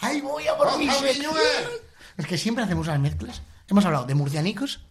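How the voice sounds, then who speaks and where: Playful male co-host, very lively melodic delivery. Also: sits high, brisk, a little hiss or hum. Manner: animated, playful, mimics sounds. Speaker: podcast co-host presenting his section. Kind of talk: casual banter.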